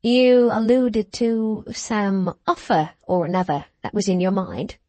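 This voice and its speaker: A woman performs a fawning, self-satisfied old man with a wooden leg, an obsequious and self-important figure who bows and scrapes through every sentence, ending lines with a clipped "sir." The lightly acted voice is dry, close and a little mellow, steady and unhurried, with no room sound, and it drops low on each deferential word.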